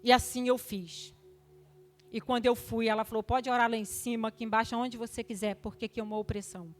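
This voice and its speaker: An older woman giving an emotional testimony at a church service, fervent, moving between loud exhortation and hushed tones. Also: fairly high pitch, steady tone, brisk.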